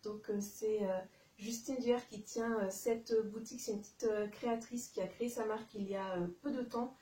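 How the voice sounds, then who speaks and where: A woman's voice: mid-range voice, fairly even intonation, normal speed, warm tone, reverberant, distant mic, low-quality recording. A woman chatting through a casual haul vlog, hesitant with many fillers and restarts, talking straight to her viewers. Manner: chatty, addresses viewers directly. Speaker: YouTube haul vlogger. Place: room at home, dim light.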